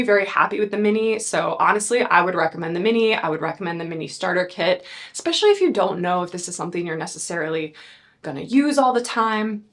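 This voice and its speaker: Woman in her 30s rambling about beauty gadgets, kinda low voice, lots of likes and ums. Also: vocal fry, fairly bright tone. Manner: chatty, rambling with fillers and self-corrections. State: a bit out of breath. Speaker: beauty vlogger. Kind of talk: casual product review.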